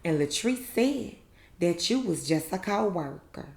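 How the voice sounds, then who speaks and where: A woman's voice: lowish voice, expressive, measured pace, gravelly, a little mellow. A woman host giving a casual, chatty recap review of a reality show in a colloquial, filler-heavy way. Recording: echoey room.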